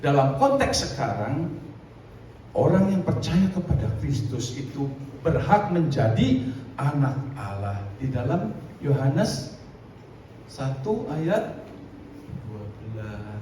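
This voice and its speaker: A man preaching a sermon in a lively, conversational way with frequent asides to the congregation. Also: medium pitch, a little slow, long pauses. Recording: echoey room, distant mic, faint noise.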